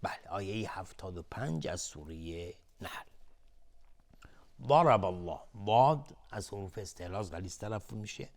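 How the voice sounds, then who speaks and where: A man with a Persian accent teaching Quran recitation rules, chanting verses slowly and then explaining each rule quickly. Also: deep voice, animated, darkish tone. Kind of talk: tajweed lesson, recitation and explanation.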